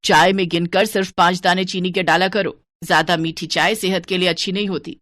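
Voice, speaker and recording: A woman's voice: on the low side, little pitch movement, fairly quick, a bit bright, close to an everyday voice. A woman voicing a stingy, bossy middle-aged mother-in-law who nags and scolds in a cartoon story. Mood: stern. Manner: scolding, penny-pinching nagging.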